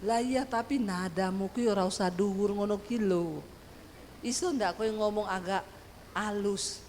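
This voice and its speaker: A woman voicing her calm Javanese husband, who gently scolds her in a soft, lowered voice. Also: slow pace, big-room sound, slight background noise, natural voice. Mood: chiding.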